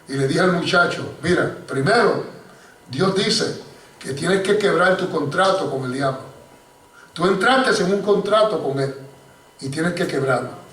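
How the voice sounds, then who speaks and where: A man preaching a sermon as pastor, telling a story and often calling to his listeners as brothers. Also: high-pitched. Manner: animated preaching, addressing listeners as hermano. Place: church hall. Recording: echoey church recording from far off.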